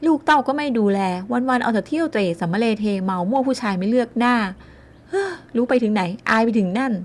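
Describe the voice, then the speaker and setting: A woman's voice: high voice, expressive, a little fast, voice pushed up. A woman voicing a worried older mother and grandmother who sighs over her daughter. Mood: fretful. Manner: sighing, fretful.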